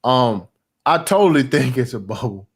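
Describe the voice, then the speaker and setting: A man hosting a podcast, chatting casually about crypto in a halting, stammering, slangy way. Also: medium pitch, lively intonation, slightly rough. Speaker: podcast host.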